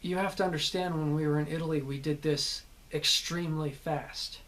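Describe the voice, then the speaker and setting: A man's voice: on the high side, fairly even intonation, normal speed, fairly bright tone. A man, an actor, giving an earnest instructional talk on building a character, repeating points as he explains.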